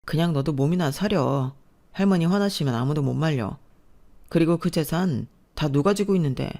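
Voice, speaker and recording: A woman's voice: low voice, normal speed, mellow. A woman voicing a sullen, self-pitying young husband who talks in a grumbling, dismissive way.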